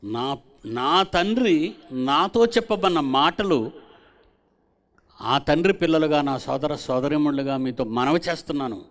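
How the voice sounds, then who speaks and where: A man's voice: a little high, expressive, unhurried, pauses often. A man preaching a sermon at a gospel convention. He repeats his phrases and questions the audience directly.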